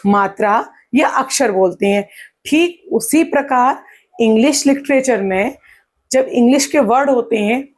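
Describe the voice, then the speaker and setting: A woman teaching an exam-prep lesson, asking her own questions and answering them, and sounding words out slowly. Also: a little high, darkish tone, breathy edge. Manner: claps and stretches words out slowly to show syllables.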